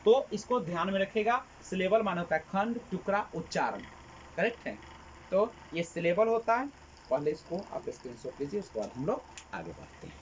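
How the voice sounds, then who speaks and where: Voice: medium pitch, lively intonation, moderate pace. Classroom teacher, quiz-and-answer delivery, repeats key terms; slightly muffled recording with faint background noise. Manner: asks the class a question, then answers it himself. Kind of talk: classroom lecture with call-and-response questions.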